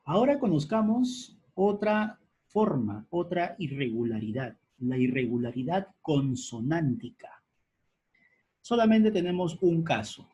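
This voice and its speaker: A man teaching a grammar lesson at a board, spelling out letters and repeating key words deliberately. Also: a little high, darkish tone, slightly rough.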